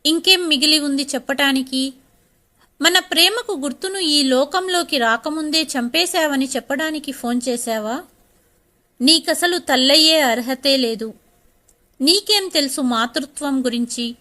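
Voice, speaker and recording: A woman's voice: sits high, expressive, normal speed, bright, forceful tone. A woman voicing an angry, cold young husband in a story, speaking in a cutting, bitter way.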